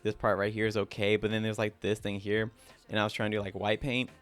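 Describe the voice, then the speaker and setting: A man's voice: on the low side, completely flat delivery, fast talker, faint music behind. A young man casually talking through his own drawings as host, rambling and self-critical, with lots of "like" fillers. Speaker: artist and channel host.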